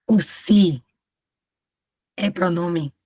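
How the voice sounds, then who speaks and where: A woman's voice: lowish voice, very slow, mellow, breathy edge, dry recording. A woman student in a class, asking questions hesitantly from away from the microphone. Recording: speaking from farther off the mic.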